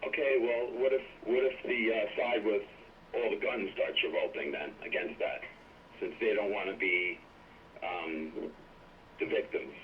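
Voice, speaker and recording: A man with a fairly low voice calls in to a talk show on a speakerphone. He sounds thin, phone-like and set back from the mic. He argues his case earnestly, in halting bursts. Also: slight background noise. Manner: earnest, hesitant political argument. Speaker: caller. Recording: tinny distant speakerphone line.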